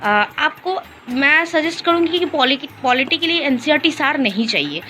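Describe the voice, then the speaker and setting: A young woman talks to her viewers in a relaxed study vlog, her voice high and bright. She explains at an easy, chatty pace, pausing on fillers. Faint room ambience sits behind her. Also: slight background noise. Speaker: vlogger. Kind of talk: casual study vlog talk.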